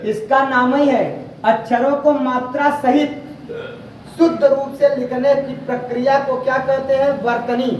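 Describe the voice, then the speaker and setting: A man teaching a Hindi spelling lesson, drilling each word slowly and calling his students "beta log". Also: very high voice. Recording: far-off echoey dull room sound with faint noise.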